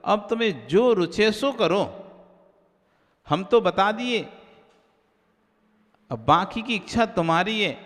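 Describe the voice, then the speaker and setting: A man, a Jain monk, giving a sermon and acting out everyday quarrels in a raised voice. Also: sits high. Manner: animated, acts out quarrels in a raised voice. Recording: hall reverb.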